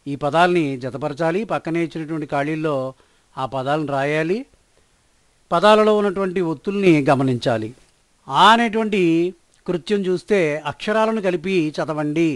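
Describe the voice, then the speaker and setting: A man's voice: fairly high pitch, dry recording. A man with a Telugu accent teaching a children's language lesson, patiently sounding out words syllable by syllable.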